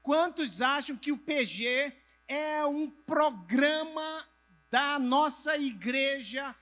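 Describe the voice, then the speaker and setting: High-voiced man preaching to an audience. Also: slow, bright, forceful tone. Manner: asks the audience questions and answers them himself; has listeners raise hands and turn to neighbors. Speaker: pastor. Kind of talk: sermon to church leaders. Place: church convention hall with a live audience.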